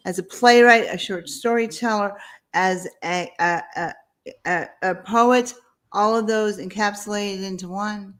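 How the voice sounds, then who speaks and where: A woman's voice: mid-range voice, steady tone, unhurried, a bit bright. A woman hosting an interview, chatting casually and asking the guest curious questions. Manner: curious, asks probing questions. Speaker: host.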